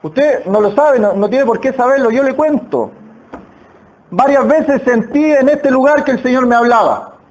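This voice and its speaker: A man preaching a sermon in a church, earnest, slowing down and repeating words for emphasis. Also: extremely high pitch. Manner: earnest, slow emphatic phrasing with repetitions. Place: church hall.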